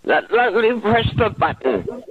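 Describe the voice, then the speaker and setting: A man's voice: high voice, lively intonation, slightly rough, no echo, exaggerated voice. A man putting on a confused, forgetful old woman in a prank call, asking the same muddled questions over and over. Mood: befuddled. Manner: repeats questions, muddled and slow to follow. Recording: tinny phone line.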